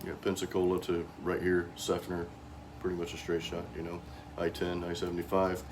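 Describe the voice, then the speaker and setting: Deep-voiced American man in casual chat. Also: monotone, moderate pace, noisy background. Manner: informal, peppered with "dude" and "man". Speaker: host.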